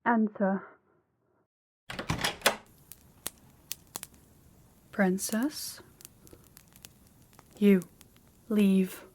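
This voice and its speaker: A woman voices a commanding, haughty young princess in a fantasy audio roleplay, speaking deliberately with condescension. Her female voice is mid-pitched with fairly even intonation, and the background is noisy.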